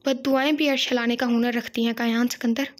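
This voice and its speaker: A woman's voice: on the high side, little pitch movement, fast talker, natural voice. A woman voicing a sorrowful mother who speaks in a heavy, admonishing tone to her grown son. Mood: mournful reproach.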